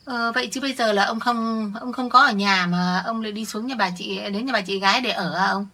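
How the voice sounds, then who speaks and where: A woman's voice: mid-range voice, brisk, sharp tone. A middle-aged woman playing a village woman who earnestly insists she is telling the true story. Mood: sympathetic. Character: older village woman defending her family. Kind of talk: village family drama acting.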